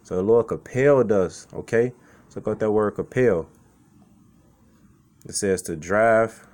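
A Chicago man preaching on the street delivers a loose, informal sermon, reading scripture and chatting about it. His voice is lowish and a little mellow, his pace measured, and he keeps adding "man" and "okay" to the ends of lines.

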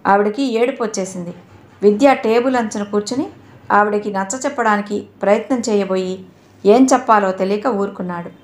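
A woman's voice: medium pitch, a little fast. Woman narrating a novel in a roomy space. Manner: narrates the story and voices every character's dialogue. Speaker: audiobook narrator. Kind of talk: reading a novel aloud. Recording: roomy echo.

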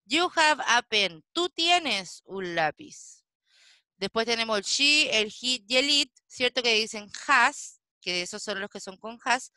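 Slow, bright-voiced woman teacher. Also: a little high, lively intonation, no room sound. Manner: slow, patient explaining with frequent checking questions. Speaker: English teacher. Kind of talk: online class lesson.

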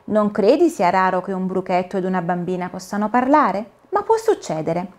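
A woman's voice: mid-range voice, sing-song, normal speed, a little mellow, natural voice. A woman voicing a polite, earnest little male caterpillar who speaks in a solemn, careful storybook manner. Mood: gentle.

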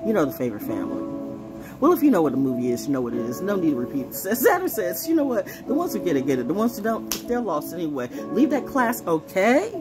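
A woman's voice: fairly low pitch, wildly swooping pitch, fast talker. A middle-aged woman doing a rhythmic freestyle monologue into a phone held close, moving between half-sung rhymes and blunt, confiding asides. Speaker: vlogger doing spoken freestyle. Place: indoors at home on a couch. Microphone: phone held close at arm's length. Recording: phone recording with music playing under it.

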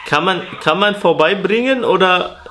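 A man's voice: high-pitched, moderate pace, crowd noise. A man in his thirties speaking casually as a comedic prank caller, recorded indoors at a desk. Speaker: prank caller, video host. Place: indoor room with desk setup. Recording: noisy room recording with clicks.

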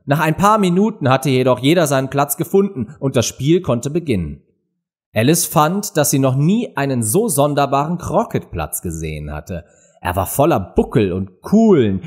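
Male storybook reader, expressive narration, lively varied pitch, mid voice. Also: husky. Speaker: audiobook reader.

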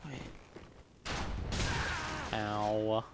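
A man's voice: fairly low pitch, flat delivery, very slow, background noise. A man casually commenting on his gameplay, mild clean exclamations, chatty and self-deprecating, hiccuping now and then. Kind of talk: casual let's-play commentary.

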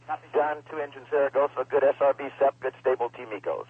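Brief: male astronaut on breaking-up space radio, rapid clipped calls, tinny and hissy. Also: medium pitch, husky. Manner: clipped, rapid procedural callouts. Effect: crackly space-to-ground radio link. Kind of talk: terse air-to-ground radio calls. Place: shuttle cockpit during launch. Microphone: headset radio. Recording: tinny noisy radio transmission.

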